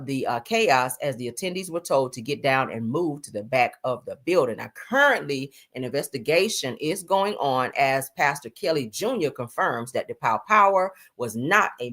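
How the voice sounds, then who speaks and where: A woman's voice: deep voice, a bit bright. A woman host giving sassy casual commentary on the news, calling her viewers honey and child.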